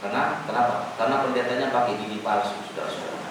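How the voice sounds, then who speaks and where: A middle-aged male pastor preaching a storytelling sermon, swinging from hushed asides to loud, rising emphasis. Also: medium pitch, fairly even intonation, rapid-fire, background noise. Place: church hall. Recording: echoey church hall from far off.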